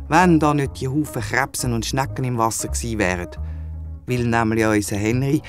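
With a Swiss German accent, a man narrates a children's audio drama playfully and chattily, dropping in little asides. His voice is medium in pitch.

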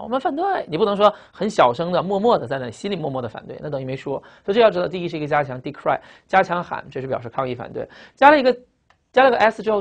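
Lecturing vocab teacher, brisk and gravelly delivery, repeats key points with emphasis. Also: medium pitch. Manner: repetitive, emphatic, peppers speech with "啊".

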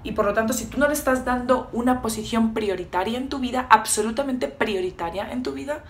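A young woman vlogger and business coach giving blunt, tough-love motivational advice with animated asides. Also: a little high, brisk, a little hiss or hum. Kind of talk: direct motivational vlog talk.

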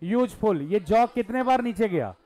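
A man's voice: sits high, expressive, moderate pace, a little mellow. A male teacher giving a live classroom lesson, questioning and coaxing his students while mixing Hindi and English.

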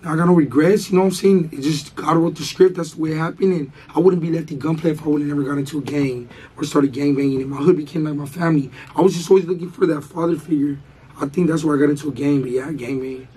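Husky, hoarse young LA man rambling. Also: on the high side, fairly even intonation, quick pace, mellow, low-quality recording. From Baldwin Park, Los Angeles. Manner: rambling, slangy, many fillers and restarts. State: hoarse, losing his voice. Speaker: rapper guest. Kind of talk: casual interview chat.

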